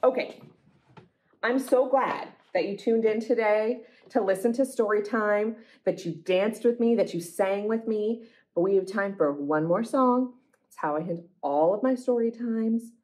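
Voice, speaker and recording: Heard through poor audio, a library storytime host reads to young viewers and chats with them, frequently asking questions in an expressive way. Her medium-pitched voice is a little mellow and a little slow.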